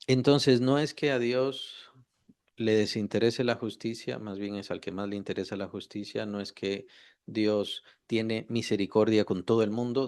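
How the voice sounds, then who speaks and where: A man's voice: on the low side, a little mellow. A man leading a Bible study, often repeating key words, rephrasing himself and asking rhetorical questions.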